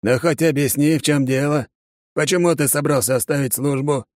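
A man voicing a blunt, commanding older army colonel with a gravelly, barking delivery. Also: fairly high pitch, moderate pace, a little mellow, dry recording, studio quality, pitched above the performer's own voice, close to an everyday voice. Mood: gruff.

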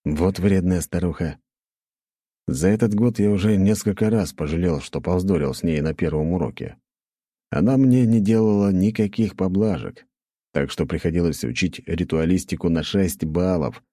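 A man reading a first-person audiobook in an even, matter-of-fact way. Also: low voice, normal speed, breathy edge, no echo, studio quality. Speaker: audiobook narrator. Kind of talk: scripted first-person narration.

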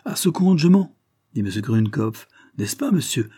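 A man's voice: mid-range voice, very animated, moderate pace, warm tone, slightly rough, dry recording, clean studio sound. A man voicing a stern, contemptuous old colonel who accuses and threatens in a raised, harsh voice.

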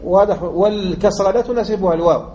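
A man from Algeria teaching a grammar text, pausing to ask his students questions and repeating key points. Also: high voice, warm tone. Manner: asks students rhetorical questions and drills the point. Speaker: sheikh teaching Arabic morphology. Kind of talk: classroom lesson explaining a grammar text. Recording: muffled lo-fi lesson recording with faint background noise.

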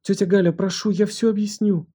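A man voicing a young female student with a soft, trembling voice pitched well above his own. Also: steady tone, fairly quick, husky. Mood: frightened pleading. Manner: soft, trembling, near whisper.

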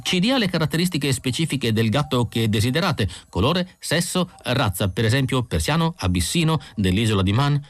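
A man's voice: medium pitch, animated, normal speed, few pauses, no room sound, pitched above the performer's own voice, lightly acted. A man voicing a nervous young clerk who stammers and babbles in an audiobook reading. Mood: babbling. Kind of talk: audiobook character voice.

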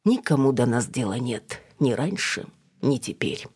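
A reader voicing an elderly grandmother, worn-down and gentle, who speaks quietly and plaintively. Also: medium pitch, big pitch swings, measured pace, husky, no room sound, clean studio sound. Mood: sad, confiding.

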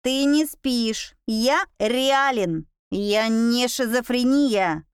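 A woman voicing a small male bat familiar who talks in a high, slow, drawn-out, lecturing way, as in a read-aloud storybook. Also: lively intonation, no room sound, clean studio sound.

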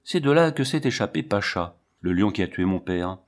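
A man's voice: deep voice, lively intonation, normal speed. A man reading the part of a proud, brusque male lion tamer showing off his animals. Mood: boastful. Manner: boastful, brusque.

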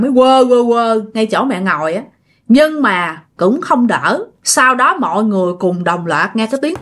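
A woman's voice: fairly high pitch, a bit bright. A woman with a Southern Vietnamese accent narrating a ghost story in a chatty way, speaking directly to her listeners.

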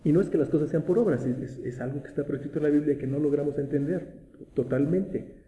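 A man's voice: a little high, fast, narrow, tinny audio. A man preaching a sermon as pastor in a church, asking rhetorical questions and often restarting his words. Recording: echoey room.

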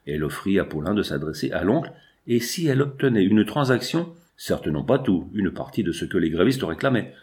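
A man narrating a novel in a steady, literary reading style. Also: deep voice, a little fast.

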